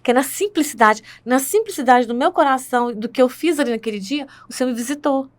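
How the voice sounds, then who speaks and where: A woman's voice: high voice, expressive, fast talker. A woman with a Brazilian Portuguese accent telling her faith testimony in conversation, earnest and full of tag questions.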